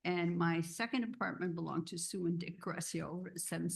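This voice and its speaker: A woman's voice: on the low side, a little fast, creaky. A woman born in Cuba and raised in Rhode Island, introducing herself in a chatty, personable way at a town council meeting. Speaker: board member applying for a full seat. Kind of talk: self-introduction at a public meeting.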